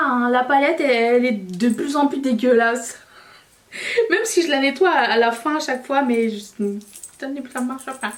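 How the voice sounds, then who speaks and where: In this casual makeup tutorial, a beauty vlogger chats with viewers and makes self-mocking jokes while applying makeup. Her voice is high, caught far from the mic in an echoey room.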